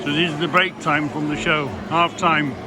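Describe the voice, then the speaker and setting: A man with a fairly high, fairly even voice talks at a moderate pace, rambling casually as a vlogger, repeating himself and asking the listener questions. He's out on a city street and then inside a busy theatre auditorium, with background music and crowd chatter filling the public spaces.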